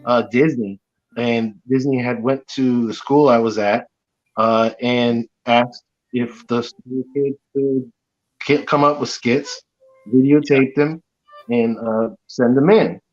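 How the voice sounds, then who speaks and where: A man telling a story in casual chat on a phone, halting and rambling with many fillers and restarts, his voice muffled as if heard through a wall. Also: medium pitch, steady tone. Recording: dull muffled mic on a call.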